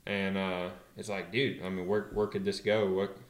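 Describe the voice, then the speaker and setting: A young man and pro rider answering interview questions in a relaxed, hesitant way, full of fillers and restarts. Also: low-pitched, moderate pace, reverberant. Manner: laid-back, hesitant, many fillers and restarts. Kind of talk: casual interview.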